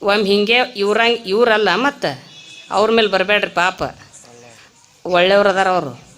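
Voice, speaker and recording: A woman preacher with a North Karnataka accent giving a comic religious discourse in a temple, telling stories with rustic humor and quick asides to the audience. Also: medium pitch, fairly even intonation, a bit bright. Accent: North Karnataka Kannada. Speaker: spiritual preacher.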